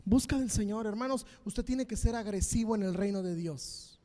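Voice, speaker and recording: A man with a Mexican Spanish accent preaching a sermon as pastor, fervent and repetitive, swinging between loud and quiet. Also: high voice, normal speed, in a large hall. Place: church hall.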